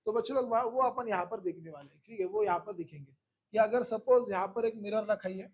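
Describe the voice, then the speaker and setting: A man's voice: high-pitched, brisk, breathy edge, highs cut off. A man teaching a physics class who keeps repeating questions to his students and coaxing them along.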